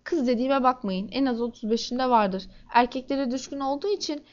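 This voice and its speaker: A woman reading a first-person crime novel aloud in a steady, measured way. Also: high-pitched, highs cut off. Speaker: audiobook narrator.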